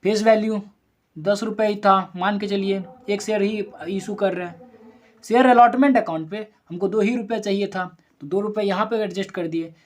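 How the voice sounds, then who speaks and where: In a recorded lesson, a commerce teacher with a mid-range voice and fairly even intonation works through the material step by step at a moderate pace, using worked number examples. Speaking directly to students, the teacher poses questions, answers them, and fixes slips mid-sentence.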